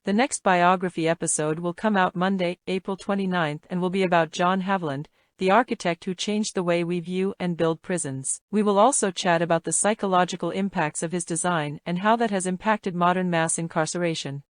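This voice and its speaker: A woman's voice: on the low side, steady tone, a little fast, few pauses, no echo, studio quality. Woman with a robotic distorted voice. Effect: robotic, glitchy digital voice distortion. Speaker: podcast editor. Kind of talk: upcoming-episode announcement. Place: on a plane.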